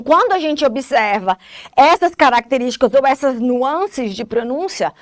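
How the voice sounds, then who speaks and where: A woman teacher with a Brazilian Portuguese accent and a high voice walks through a recorded lesson. She explains each point step by step and keeps checking understanding with short tags. The sound is close and dry. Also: no room sound. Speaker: English teacher.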